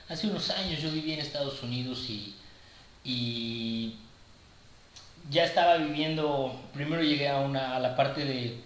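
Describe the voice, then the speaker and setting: Halting preacher, echoey room. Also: male voice, a little high, a bit bright, slight background noise. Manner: halting, many repeated words and restarts. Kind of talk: sermon with personal testimony. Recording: echoey room with faint ambience.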